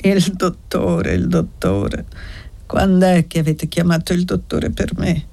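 A woman reading aloud and voicing a sick, irritable old man who grumbles slowly and wearily. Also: lowish voice, steady tone, vocal fry, dark tone, husky, heavily acted. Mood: bitter complaint. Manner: grumbling, slow and weary.

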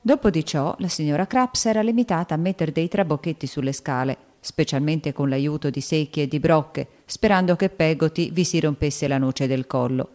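Low, mellow-voiced woman narrator. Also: moderate pace, hardly any pauses. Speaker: audiobook narrator. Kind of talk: scripted literary narration.

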